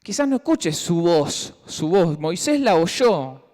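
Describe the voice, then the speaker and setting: High-voiced Rioplatense youth teacher in a hall. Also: male voice, takes it slowly. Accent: Rioplatense Spanish. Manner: lively storyteller, asks the group questions, retells scenes with voices. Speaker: youth Bible study leader. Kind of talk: casual youth Bible teaching. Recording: long hall reverb.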